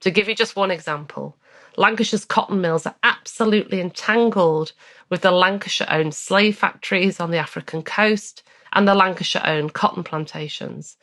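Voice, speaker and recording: A woman podcast host reading a measured, earnest scripted narration. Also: lowish voice, a bit bright. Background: faint music.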